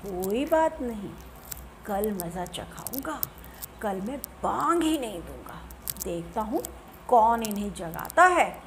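A woman voicing a hoarse, sulky male rooster who grumbles in a children's story reading. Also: medium pitch, very animated, slow pace, noisy background. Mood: grumbling.

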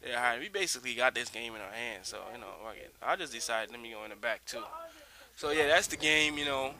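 A man's voice: medium pitch, fast talker, pushed and bright. Laid-back young man swearing over gameplay. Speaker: gaming channel host. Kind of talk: casual gameplay commentary. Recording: noisy homemade recording with hiss.

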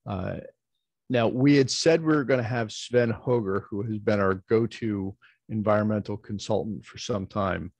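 A man chairs a public commission meeting via video call, speaking in a measured, halting manner full of fillers and restarts. His voice is lowish and darkish, captured in a dry recording.

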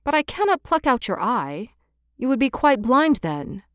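A woman's voice: fairly high pitch, very animated, normal speed, clean tone, no room sound, studio quality. A woman voicing a small, kind-hearted male swallow, earnest and tender, in a storybook tale. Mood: devoted.

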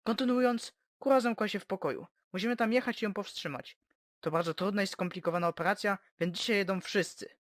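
A woman voicing a bossy, lazy boy team leader in a lowered, sneering voice for a parody cartoon dub, with music behind. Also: quick pace, no echo, studio quality, close to an everyday voice.

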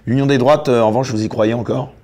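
A man's voice: mid-range voice, steady tone, fast talker, mellow. A man hosting an interview who asks questions with frequent hesitations. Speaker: interviewer host. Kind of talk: political interview.

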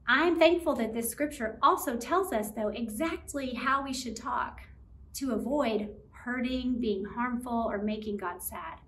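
A woman leads a children's Bible lesson in a gentle, encouraging way, talking to the kids as friends. Her voice sits a little high. She is recorded from a bit off the mic, with a faint hiss behind her. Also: echoey room, far from the mic. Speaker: children's ministry teacher.

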